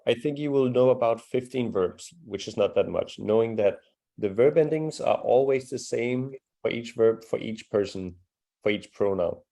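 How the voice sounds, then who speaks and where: A man's voice: mid-range voice, normal speed, vocal fry, dark tone. A man teaching a live beginner language class, patient and encouraging as he explains pronunciation step by step. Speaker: Danish teacher.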